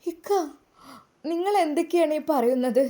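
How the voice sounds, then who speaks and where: A woman's voice: high voice, moderate pace, warm tone, close to an everyday voice. A woman voicing a wounded young wife, crying and protesting in a dramatized story reading. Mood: tearful. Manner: tearful, protesting.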